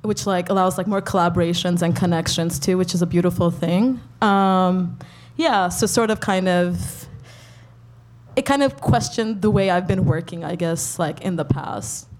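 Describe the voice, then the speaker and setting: A woman's voice: lowish voice, normal speed, a little mellow, a little hiss or hum. A young woman in casual conversation, speaking hesitantly with many "like"s and "um"s. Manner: hesitant, lots of "like" and "um". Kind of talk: casual chat.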